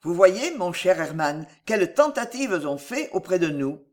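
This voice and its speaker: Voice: medium pitch, very animated, unhurried, a little mellow. A reader voicing an older man, an earnest political speaker and father, in a preaching tone.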